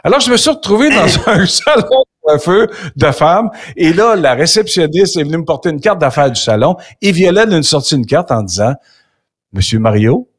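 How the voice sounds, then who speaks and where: Lively older Québécois man telling a story. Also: a little high, brisk, few pauses, slightly rough. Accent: Québécois French. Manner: animated anecdote-telling with quoted dialogue. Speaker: interview host. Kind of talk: casual storytelling interview.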